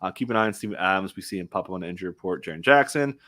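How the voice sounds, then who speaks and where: Low-voiced laid-back male analyst. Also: animated, fairly bright tone. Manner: loose, filler-heavy, quick informal talk. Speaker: fantasy basketball analyst. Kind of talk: casual chat.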